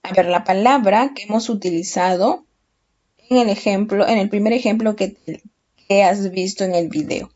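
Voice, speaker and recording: Woman teacher, slow and patient, questions then answers them herself, dull lo-fi sound. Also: medium pitch, a little mellow. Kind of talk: children's lesson. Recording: dull lo-fi recording.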